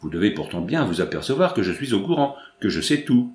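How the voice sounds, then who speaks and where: Bold, quick-witted young woman, read by a man. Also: lowish voice, very animated, darkish tone, echoey room. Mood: eager. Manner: eager, pressing questions. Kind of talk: audiobook dialogue reading.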